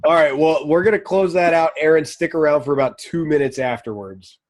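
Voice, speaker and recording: A man hosting a podcast in casual, profane chat, wrapping up the episode in a relaxed, amused way. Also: a little high, fairly quick. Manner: laid-back, profane, amused. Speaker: podcast host.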